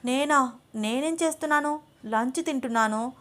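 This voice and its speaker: A woman's voice: sits high, moderate pace, a bit bright, voice pushed up. A woman voicing a headstrong young wife and student who answers back in a pouty, defiant way. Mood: protesting.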